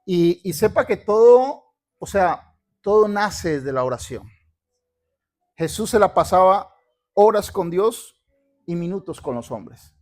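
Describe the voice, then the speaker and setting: A man's voice: high voice, big pitch swings, takes it slowly, pauses often, darkish tone. A man from Colombia, a pastor preaching fervently in church and calling on the congregation to repeat after him. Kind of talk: sermon with church announcements. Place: church sanctuary.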